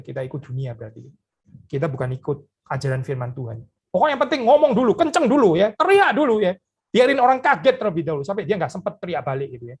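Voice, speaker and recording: A pastor preaching a sermon in an earnest, conversational way, addressing his listeners directly, tagging phrases with short asides and mixing in English words. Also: fairly high pitch.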